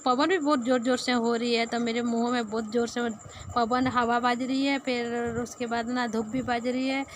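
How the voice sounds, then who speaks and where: A woman with a Sambalpuri Odia accent, a native Odia speaker narrating a casual vlog in halting Hindi, searching for words. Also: a little high, level tone, slight background noise. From Sambalpur, Odisha. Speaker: vlogger.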